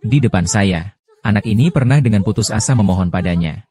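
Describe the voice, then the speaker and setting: A man with a low, dark and mellow voice reads out a drama recap. He gives every character's lines in the same even voice. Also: fairly quick.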